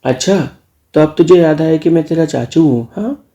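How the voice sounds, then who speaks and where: Male narrator as a bossy teasing uncle, low and dark in tone. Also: normal speed, lightly acted. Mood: scolding. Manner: teasing, scolding.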